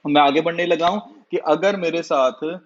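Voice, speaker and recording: High-voiced man teaching chemistry. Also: steady tone, normal speed. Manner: asks the class questions and answers them himself. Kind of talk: classroom lecture. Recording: dull lo-fi sound.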